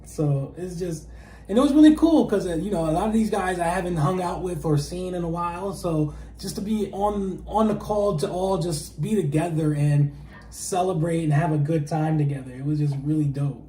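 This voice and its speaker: Mellow-voiced man co-hosting in an echoey room. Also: fairly high pitch, normal speed, a little hiss or hum. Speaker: co-host. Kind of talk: casual chat show.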